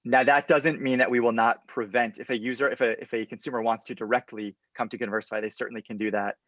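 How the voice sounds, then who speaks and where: A man, answering questions in a confident startup pitch, explaining point by point on a video call. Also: level tone, fast, a bit bright, no room sound, highs cut off. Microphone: computer mic on a video call.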